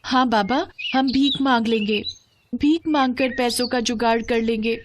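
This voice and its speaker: A woman voicing frightened little poor girls in a cartoon story, high and tearful. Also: fairly even intonation, moderate pace, noisy background, close to an everyday voice. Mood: fearful.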